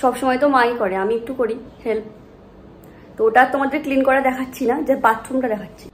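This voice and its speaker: A woman's voice: sits high, fairly even intonation, quick pace, a little hiss or hum, poor audio. A woman chatting casually to her viewers in a daily home vlog, explaining her chores as she goes. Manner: talks softly while child sleeps; sing-song coaxing voice with child. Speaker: vlogger. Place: home, kitchen and rooms, indoors.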